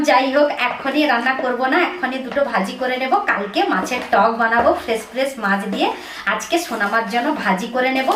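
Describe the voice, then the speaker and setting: Woman vlogging at home, chatty, keeps saying you know, kinda high voice, echoey little room. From Bengal. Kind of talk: casual home vlog chat. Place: small home kitchen indoors. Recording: echoey room, faint noise.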